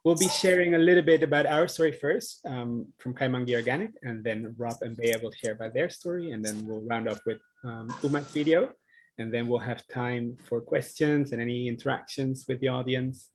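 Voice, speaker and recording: A man's voice: medium pitch, darkish tone, slight background noise, low-quality recording. A man, earnestly presenting his social enterprise on a video call, with frequent ums. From Netherlands.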